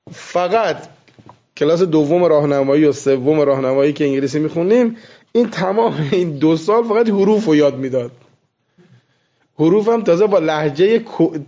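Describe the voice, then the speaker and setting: A man teaching seminary students, lecturing with animated storytelling and soft asides. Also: high-pitched. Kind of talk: classroom lecture with anecdotes. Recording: muffled lo-fi recording.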